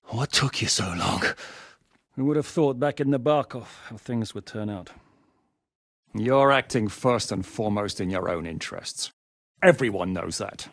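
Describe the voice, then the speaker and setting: In a studio-quality recording with no room sound, an actor voices a gruff, battle-hardened rebel commander in a video game. At a medium pitch, he barks orders, swears and mocks his enemies.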